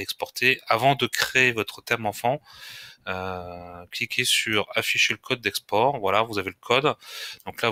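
Male tutorial host, slightly low voice with a bright edge, dry close sound, halting delivery full of fillers. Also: dry recording. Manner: hesitant, frequent filler pauses. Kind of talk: screen-recorded software tutorial.

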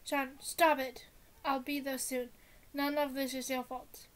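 A worried, comforting young boyfriend, read aloud by a woman in a text story. the voice stays high and level, with little rise or fall, and each message is read plainly. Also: flat delivery, unhurried. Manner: reads the texts plainly, little voice change.

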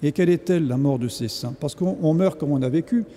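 Earnest priest preaching in a reverberant church. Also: male voice, on the high side, fast, mellow. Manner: earnest, exhorting. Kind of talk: sermon. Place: large church.

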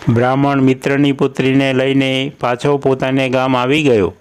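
A man narrating a fairy tale in a calm, measured, scripted reading. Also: medium pitch, clean tone. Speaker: storyteller.

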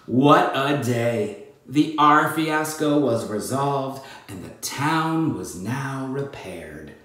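A man, a children's book author, reading his picture book aloud in a playful, animated way with jokey asides. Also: medium pitch, takes it slowly. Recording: very echoey room.

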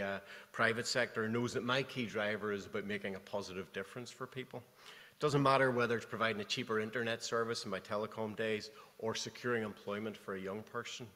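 A man's voice: on the low side, steady tone, brisk, a bit bright. A middle-aged man giving a prepared, earnest keynote speech at a lectern. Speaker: keynote speaker, commissioner. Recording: long hall reverb.

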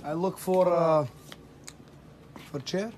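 A man's voice: on the high side, steady tone, slow, darkish tone. A man voicing an earnest, clueless Russian immigrant shopper with a Russian accent and broken English. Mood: earnest, chatty. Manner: broken English with dropped articles and mispronounced vowels. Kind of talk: prank conversation in a shop. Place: indoors, furniture store. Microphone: handheld phone camera. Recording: noisy handheld recording in shop.

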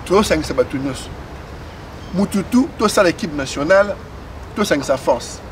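High-voiced man ranting on a street. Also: animated, moderate pace. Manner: impassioned, repetitive, switches between Lingala and French. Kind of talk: outdoor political talk. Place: outdoors on a city street. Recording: distant mic outdoors with faint noise.

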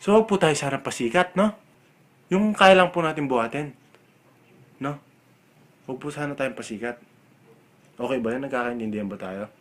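A man's voice: medium pitch, animated, normal speed, pauses often. Young male comic vlogger, raised voice, exasperated and cursing through a rant. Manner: loud, exasperated, swears freely. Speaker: comedic vlogger. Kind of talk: comedic rant.

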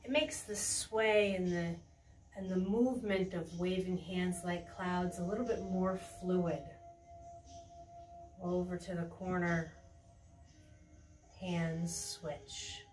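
Slow, serene woman giving tai chi cues. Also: fairly low pitch, fairly even intonation, a little mellow. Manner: serene, encouraging, unhurried cueing. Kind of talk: guided movement lesson with calm step-by-step cues. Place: small carpeted room indoors. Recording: distant mic in a room, faint music. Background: faint music.

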